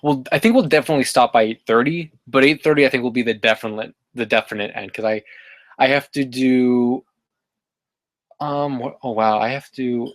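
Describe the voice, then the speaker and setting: Male streamer host, mid-pitched, loose and rambling with lots of fillers, dry close sound. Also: normal speed, dry recording. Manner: rambling, many fillers and self-corrections. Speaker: livestream host reading chat. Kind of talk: casual live-stream chat.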